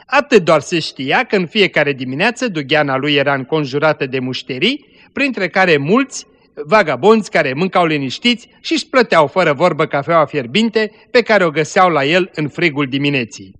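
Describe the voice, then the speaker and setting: A man narrating a story aloud in a slow, measured way. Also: fairly high pitch, very animated, fairly bright tone, long reverb tail. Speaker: story reader.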